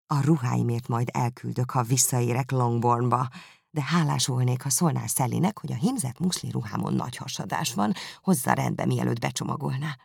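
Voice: mid-range voice, vocal fry, a little mellow, breathy edge, no echo, studio quality, voice pushed down. A narrator reading out a letter as Lydia, a giddy, careless young woman, in a playful breezy way.

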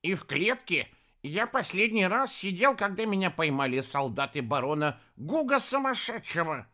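A man's voice: sits high, big pitch swings, normal speed, bright, forceful tone, voice pushed up, full character voice. A man voicing a touchy, grumpy wild ostrich who answers sharply.

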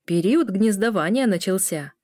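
A woman's voice: mid-range voice, lively intonation, normal speed, dark tone, no echo, clean studio sound, lightly acted. A woman voicing a playful young man who teases the others with laughing jabs. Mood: teasing.

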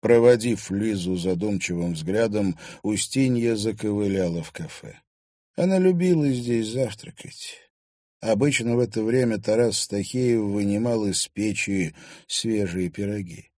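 A man narrating an audiobook in an expressive, measured way. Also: on the low side, no room sound, studio quality. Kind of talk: scripted narration.

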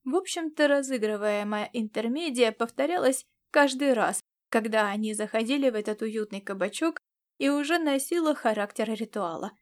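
A woman narrating a science fiction adventure audiobook in a lively storytelling manner. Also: on the high side, moderate pace.

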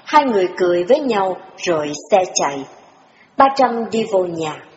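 A woman narrating an audiobook in steady, even storytelling. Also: mid-range voice, moderate pace. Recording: dull recording with long reverb.

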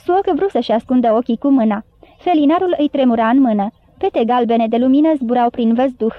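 High-voiced woman narrating an audiobook. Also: no echo. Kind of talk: storybook narration. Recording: dry, phone-like narrow sound.

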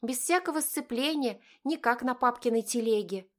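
A woman voicing an excitable, timid young girl who pleads in a high, tearful voice. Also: normal speed, close to an everyday voice. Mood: eager. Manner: high and pleading, breaking toward tears.

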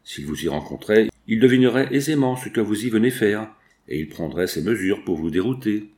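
A man's voice: fairly low pitch, animated, brisk, darkish tone, lightly acted. A man doing a firm protective guardian.

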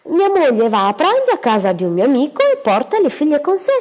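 A woman's voice: sits high, huge pitch swings, fairly quick, a little mellow, pitched above the performer's own voice. A woman voicing an impatient middle-aged male country doctor, speaking curtly and with exasperation. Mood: exasperated. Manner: curt and exasperated. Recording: long reverberant room.

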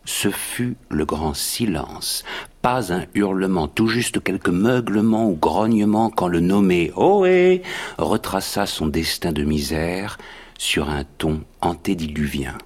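A man narrating a French radio drama in a lively storytelling manner. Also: low-pitched, slow, exaggerated voice.

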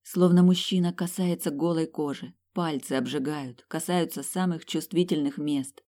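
Low-pitched and mellow, this audiobook narrator keeps a steady tone at a moderate pace while reading a novel in the first person. Her emotive delivery rises on exclamations and on quoted lines.

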